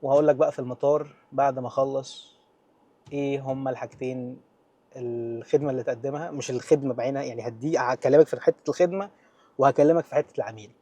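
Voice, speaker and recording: A young Egyptian man speaks very rapidly in natural, unscripted talk. His voice sits at a medium pitch, and he addresses the listener informally and directly, like a friend, dropping English terms into his Egyptian speech. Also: fairly even intonation, mellow. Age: 20s. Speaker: vlogger giving business advice.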